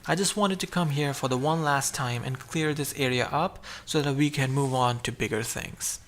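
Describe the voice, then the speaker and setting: A man's voice: medium pitch, moderate pace, slight background noise. A man narrating his own survival game playthrough, chatty and explaining each move as he goes. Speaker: gameplay narrator.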